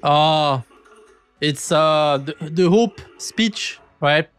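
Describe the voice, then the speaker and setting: A man's voice: fairly high pitch, very slow, a bit bright, clean tone. A man streaming casual anime reaction commentary in short, offhand, chatty remarks. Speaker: VTuber streamer. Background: music from the show being watched.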